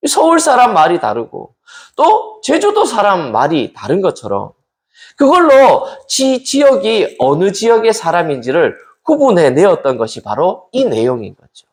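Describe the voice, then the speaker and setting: A man leads a midweek Bible study as a pastor, preaching and turning often to his listeners with questions. His voice sits high and swings widely in pitch, rising and falling with emphasis. He sounds animated and engaged as he addresses the congregation. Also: normal speed.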